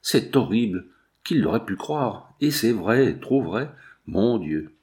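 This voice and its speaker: A man's voice: lowish voice, very animated, takes it slowly, darkish tone, exaggerated voice. A man voicing a grief-stricken old general. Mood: anguished.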